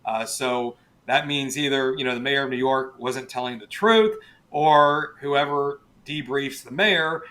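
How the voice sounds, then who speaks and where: Guy being interviewed as a weather expert, explains stuff conversationally, kinda halting, stresses key words. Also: mid-range voice, pushed and bright. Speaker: guest, television chief meteorologist.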